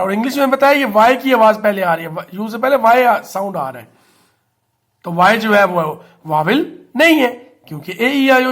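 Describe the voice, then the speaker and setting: In a high, fairly bright voice, a man teaches a class about English articles. He walks through the material patiently and spells out words one letter at a time.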